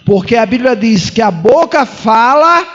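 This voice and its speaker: A male pastor with a Brazilian Portuguese accent preaches with fervor, hammering points through repetition. His voice sits strikingly high. The recording is dull and lo-fi. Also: expressive, a little slow, a bit bright. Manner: fervent, emphatic repetition, calls listeners "irmão". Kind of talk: sermon.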